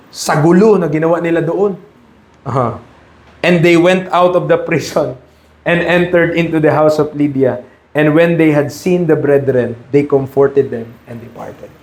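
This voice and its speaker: A male evangelist preaching a sermon to his congregation, emphatic and full of rhetorical questions to his listeners. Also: on the high side. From Philippines. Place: church hall. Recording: echoey church room.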